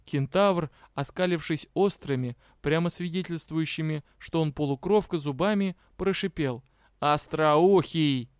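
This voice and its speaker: A man's voice: a little high, normal speed, hardly any pauses, a little mellow, clear, resonant tone, no echo, clean studio sound. A man reading a humorous fantasy novel aloud as its narrator. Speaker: audiobook reader.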